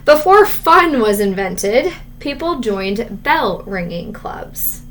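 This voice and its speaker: A teacher reads a children's storybook aloud in a slightly high voice. She is expressive and measured, stressing key words and adding asides.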